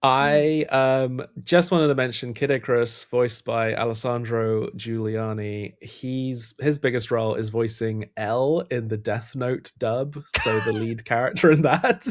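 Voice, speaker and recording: A man's voice: mid-range voice, measured pace, hardly any pauses. A man hosting a podcast in casual chat, enthusiastic and rambling with frequent ums. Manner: chatty, enthusiastic, trails off with ums. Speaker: podcast host.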